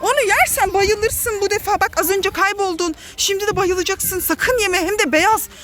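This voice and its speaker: A woman's voice: extremely high pitch, normal speed, fairly bright tone. A woman with a Turkish accent filming a family play vlog, talking to her children as their mother and warning them with lots of drama.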